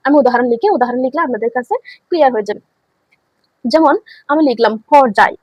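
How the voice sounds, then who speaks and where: A woman's voice: fairly high pitch, fast, a little mellow, no echo, poor audio. A woman teaching a grammar lesson, asking questions and answering them herself, repeating key words. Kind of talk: online classroom lesson.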